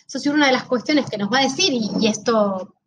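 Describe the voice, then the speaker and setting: A woman's voice: a little high, a little fast, noisy background. A woman giving a recorded lecture, explaining step by step and often checking in with her listeners. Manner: explanatory, checks in with frequent rhetorical questions. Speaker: teacher.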